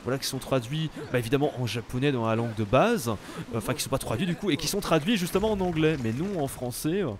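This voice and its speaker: A young French man giving casual, animated commentary while playing a video game, exclaiming at the action. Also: medium pitch, fast talker, crowd noise. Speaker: let's play host.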